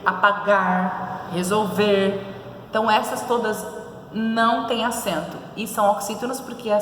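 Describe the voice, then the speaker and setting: Patient woman teacher in an echoey room. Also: mid-range voice. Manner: patient, asks questions then answers them, praises students. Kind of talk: recorded remote class going over textbook exercises. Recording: echoey room with faint noise.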